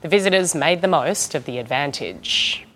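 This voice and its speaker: A woman's voice: low voice, expressive, normal speed, very noisy. A woman with an Australian accent presenting a scripted news bulletin.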